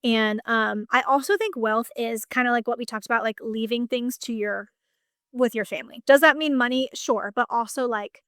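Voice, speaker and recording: A woman's voice: on the high side, steady tone, normal speed, a bit bright, dry recording, studio quality. A woman business coach talking in a casual podcast conversation, chatty and full of "like" fillers. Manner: chatty, heavy use of "like" fillers.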